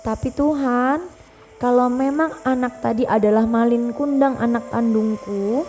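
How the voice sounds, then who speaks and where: An old, heartbroken village mother from a storybook, put on by a woman reading to her child. She cries as she speaks, her voice pitched very high and breaking into wails. It sounds like a bedtime tale read aloud at home. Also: measured pace, warm tone, natural voice. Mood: quiet prayer. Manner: sobbing, wailing in a high voice. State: crying. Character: old poor village mother, grieving and pleading.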